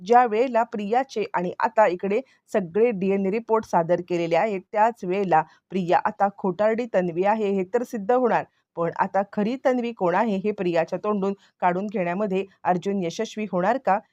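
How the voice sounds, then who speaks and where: A woman recapping a TV serial episode in an animated way, with frequent fillers. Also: medium pitch, a little fast, few pauses, no room sound, dull audio. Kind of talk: excited recap narration.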